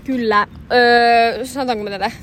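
A young woman co-hosting a casual chat, telling animated anecdotes with frequent laughter and fillers. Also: on the high side, a little hiss or hum. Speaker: co-host.

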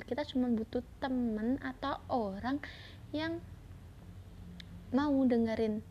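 A woman's voice: on the high side, darkish tone, lo-fi sound. A young woman rambles reflectively in informal slang, as the host of a casual personal podcast. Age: young adult. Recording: noticeable background noise.

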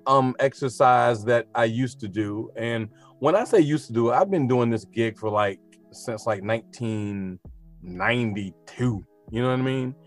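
A man in a relaxed interview, an experienced teacher who talks freely and reflectively and breaks into animated, slangy asides. His voice sits at an ordinary middle pitch. Faint music plays in the background. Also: a little slow. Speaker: teacher of high school students. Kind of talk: casual interview conversation.

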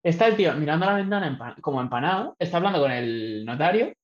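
A man's voice: fairly high pitch, sing-song, fast. A man from chatting casually about a film, meandering and hedging in a laid-back way. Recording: echoey, dull lo-fi sound.

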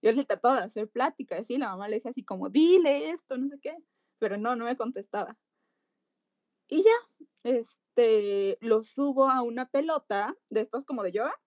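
A woman with a Mexican accent, a physiotherapist telling a lively story in an interview and acting out voices. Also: a little high, fairly quick, no echo. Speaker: pediatric physiotherapist.

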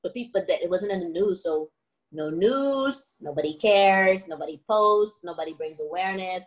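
Animated woman coach preaching with emphasis. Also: on the low side, moderate pace, rough recording. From Bahamas. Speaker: podcast guest, antiracism coach. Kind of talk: casual conversation.

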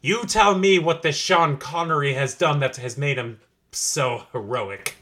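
A man voicing a haughty dark lord from another realm who plans a takeover and scorns mortals. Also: a little high, a little slow. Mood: scheming. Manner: pompous, theatrical, scornful.

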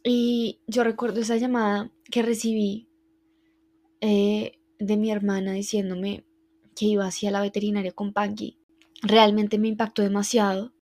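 A woman, hosting a podcast and telling a personal story in a reflective, heartfelt, halting way. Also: medium pitch, little pitch movement, a little mellow. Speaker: podcast host.

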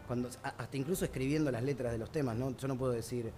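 A man's voice: medium pitch, quick pace, dark tone, faint music behind. A man with an Argentine accent, a musician guest chatting casually and laughing often at himself. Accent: Argentine Spanish. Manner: self-deprecating, laughs often. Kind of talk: casual chat.

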